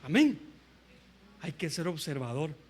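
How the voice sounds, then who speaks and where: A man preaching a sermon as pastor, telling a Bible story in an animated way, acting out the characters' lines and calling listeners "brother". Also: on the high side, unhurried, slight background noise. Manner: animated storytelling, acts out the kings' and prophet's lines; addresses listeners as "hermano".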